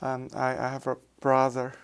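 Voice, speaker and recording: A man in his sixties, a native Mandarin speaker from Beijing with a Beijing Mandarin accent, answers oral history interview questions with many hesitations and restarts. He's an architecture professor whose medium-pitched, clean-toned voice moves at a moderate pace with completely flat delivery.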